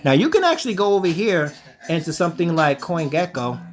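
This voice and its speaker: A self-assured man in a slightly raised voice lectures viewers through a crypto screen-share, calling them "ladies and gentlemen" and checking in with a steady "okay?". He styles himself a teacher and talks down a little. Faint music plays under him. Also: fairly high pitch, fairly quick. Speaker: crypto channel host.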